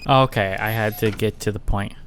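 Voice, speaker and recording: A man's voice: lowish voice, steady tone, normal speed, fairly bright tone, slight background noise. A man giving casual, reactive commentary as he plays a video game. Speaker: let's play commentator.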